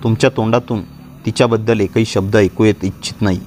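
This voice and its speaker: A man's voice: on the low side, steady tone, a little fast, darkish tone, slight background noise, natural voice. A man doing a stern, protective teacher. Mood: firm, indignant. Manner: firm and indignant.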